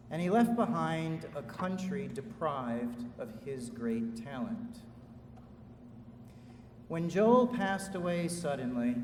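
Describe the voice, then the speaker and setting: A man delivering a formal commencement speech as a ceremony speaker, in a measured, solemn way with deliberate phrasing. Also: fairly high pitch, a little mellow. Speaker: ceremony speaker introducing an orator. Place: large indoor hall at a school commencement. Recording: echoey hall, distant mic, faint noise.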